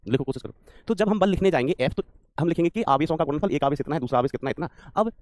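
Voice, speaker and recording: A male physics teacher races through an online lecture at a breakneck clip, his voice sitting a little high for a man. He scolds and teases his students and repeats his phrases for emphasis. The sound is dry and close, with no room around it. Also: expressive, rapid-fire, darkish tone, dry recording.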